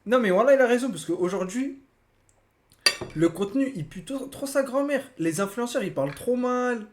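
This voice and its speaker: A man's voice: extremely high pitch, animated, normal speed, background noise. A young man, chatting casually in slang and laughing while he reacts to a video on a live stream. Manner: slangy, laughing, repeats himself.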